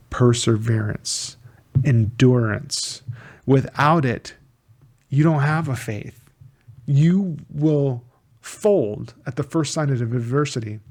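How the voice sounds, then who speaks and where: A man in an even middle register gives an informal Bible teaching. He speaks earnestly, often repeating key words for emphasis and restarting his phrases as he goes. He is from the United States. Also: mid-range voice.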